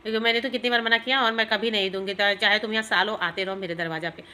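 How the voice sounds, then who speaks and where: A woman's voice: mid-range voice, fairly even intonation, fast, sharp tone, lightly acted. A woman voicing a stingy, bad-tempered old village woman in a told story, snapping and scolding.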